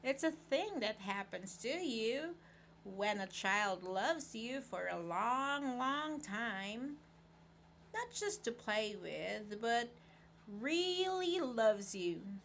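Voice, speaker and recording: A wise old toy rocking horse as a woman reads it from a bedtime storybook. The words come very slowly and gently, with noise in the background. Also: a little high, sing-song, exaggerated voice. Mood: tender, wise.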